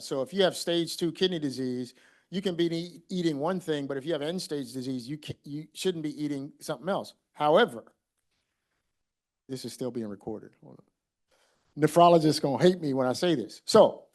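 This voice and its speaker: A kidney doctor from Mississippi gives an animated, conversational conference talk, acting out what he tells his patients. His voice is a little high.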